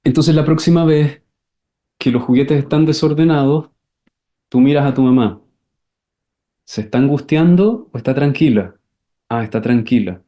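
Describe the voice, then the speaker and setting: A man's voice: mid-range voice, normal speed, pauses often. Man teaching an enneagram class. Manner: acts out scenes with sudden shouted voices, repeats words. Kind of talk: class lecture with questions and answers.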